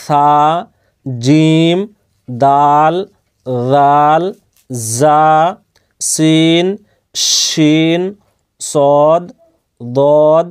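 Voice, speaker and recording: A man's voice: fairly high pitch, steady tone, extremely slow, pauses often, clear, resonant tone. A man teaching Quran letter reading in a patient recitation lesson, asking questions and answering them himself, with a Bangladeshi Bengali accent. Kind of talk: slow spelled-out recitation lesson.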